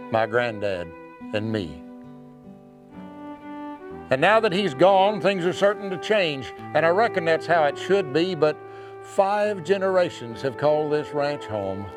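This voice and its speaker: A man reciting cowboy poetry as earnest, measured storytelling, with dramatic phrasing and pauses. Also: on the high side. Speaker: cowboy poet. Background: soft acoustic guitar music.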